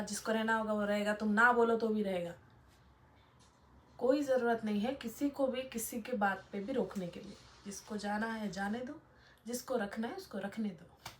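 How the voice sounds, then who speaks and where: This young woman vlogger speaks straight to her viewers in a fairly high, pushed, bright voice, with a little hiss or hum in the audio. Her casual to-camera talk is motivational, delivering blunt, lecturing advice.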